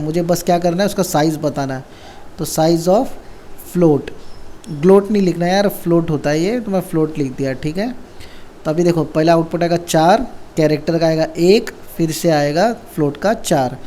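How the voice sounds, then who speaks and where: A man's voice: sits high, mellow, slight background noise. A man teaching a casual coding lesson, who keeps asking and answering his own questions and repeats the key words. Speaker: programming tutor.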